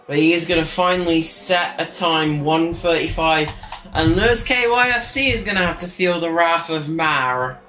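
A man's voice: a little high, moderate pace, sharp tone. A man giving chatty, joking, off-the-cuff live commentary on a sim race from his home streaming setup. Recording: roomy echo, faint music behind.

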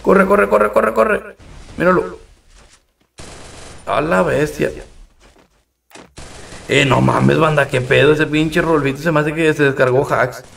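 Mexican guy streaming a game, slangy, kinda high and gravelly, sits back from the mic. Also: steady tone, a little slow, long pauses, a bit bright, distant mic, a little hiss or hum. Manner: slangy, greets and thanks chat viewers between rounds. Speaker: live-stream gamer. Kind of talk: casual live-stream game commentary.

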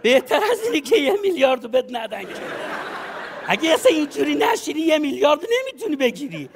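High-voiced brash man in comedy sketch. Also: sing-song, creaky, a little hiss or hum. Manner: brash, bossy, laughs often while coaching. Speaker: comic advisor in a sketch. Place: studio stage.

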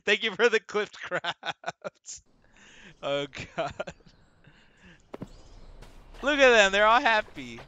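A man streaming a video game live, reacting excitedly, chatting with viewers and swearing casually. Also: high-pitched, slow, pauses often, slight background noise. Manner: excitable, chatty, talks to chat. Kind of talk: live gameplay commentary. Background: game music.

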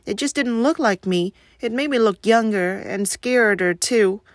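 A woman, a teacher, reading a novel aloud in a steady, even narration. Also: a little high, normal speed, no room sound, clean studio sound.

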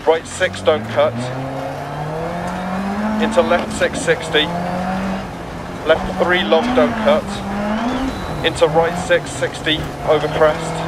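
Rally co-driver rattling off pace notes over roaring car noise. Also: male voice, fairly high pitch, little pitch movement, takes it slowly, pauses often. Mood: focused, urgent. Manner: clipped, businesslike, urgent calls. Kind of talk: rapid rally pace notes in clipped phrases. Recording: loud car engine and tyre noise. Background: racing car engine, gravel and tyre noise.

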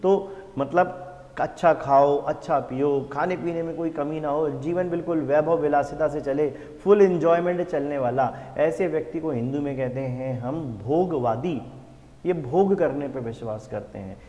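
A man with a fairly high, mellow voice teaches a vocabulary class for exam students. He reads each English definition out deliberately, then asks for the answer and says it again. His voice rings with a long reverb, as if in an echoing hall. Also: dull audio. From India. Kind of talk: exam-prep vocabulary lesson.

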